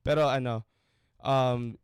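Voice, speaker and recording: A man's voice: mid-range voice, steady tone, takes it slowly, clean tone, dry recording, studio quality. A young man with a Filipino accent, co-hosting a casual podcast chat with friends, easygoing and full of fillers as he switches between languages. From Philippines. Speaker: podcast co-host.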